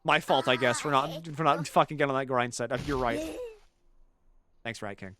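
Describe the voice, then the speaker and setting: A man with a cold chatting casually while streaming a game, rambling and swearing, swinging from mumbled asides to loud jokey bits. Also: mid-range voice, moderate pace, a crowd in the background. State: has a cold. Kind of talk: casual gaming stream chat.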